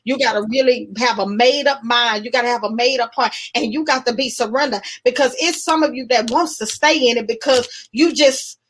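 High-voiced woman telling a testimony. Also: fairly quick, few pauses, husky. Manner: animated storytelling, acting out both sides of conversations. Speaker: guest sharing testimony. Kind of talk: emotional personal testimony.

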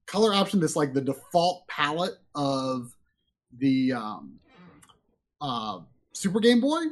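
A man's voice: a little high, big pitch swings, slow. A man hosting a casual gaming podcast, rambling and hedging, often laughing as he talks. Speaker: podcast host.

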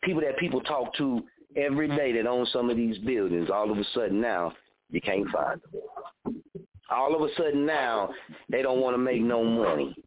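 A man's voice: mid-range voice, moderate pace. Fired-up preachy man on a phone-thin line. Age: 30s. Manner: preachy, fired-up, repetitive and blunt, with cursing. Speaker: radio show host. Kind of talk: motivational talk on a call-in radio show. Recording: phone-like narrow audio.

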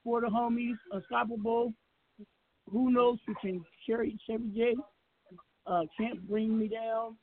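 A man's voice: very high voice, level tone, a little slow. A man in his sixties hosting a casual call-in radio chat, laughing easily and stumbling over repeated words. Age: 60s. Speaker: radio show host. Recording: phone-line call-in audio.

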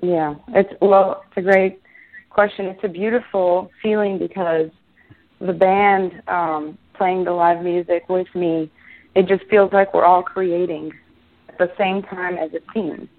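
A woman's voice: lowish voice, steady tone, a little slow. Woman from Israel on a tinny line. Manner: rambling, many restarts and fillers. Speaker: musician guest. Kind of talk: casual interview.

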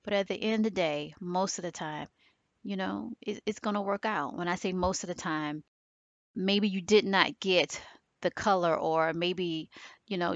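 A woman hosts a motivational podcast in a fairly low voice, speaking with animated emphasis and acting out little inner voices of doubt and fear. The recording sounds muffled but has no echo.

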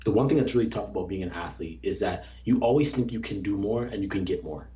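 A former Olympic track athlete, a young man, talks earnestly and reflectively as a guest in a casual interview, often restarting his sentences. His voice is on the low side, quick and dark-toned. The recording has a dull, lo-fi sound.

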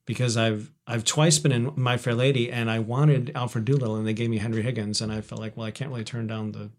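A man's voice: mid-range voice, fairly even intonation, quick pace. A middle-aged man talking about his stage acting as a guest on a radio show, chatty and laughing often. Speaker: radio guest, community theater actor. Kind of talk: casual radio chat. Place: radio studio.

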